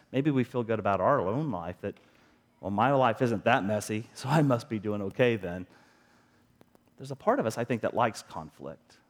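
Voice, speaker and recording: A middle-aged man preaching a sermon as a pastor, talking in a conversational way and often asking the congregation rhetorical questions. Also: medium pitch.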